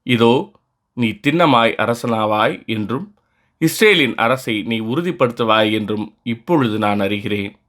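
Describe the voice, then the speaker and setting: A man reading the part of a remorseful aging king in a solemn, measured way. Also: medium pitch, a bit bright, lightly acted. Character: repentant old male king pleading.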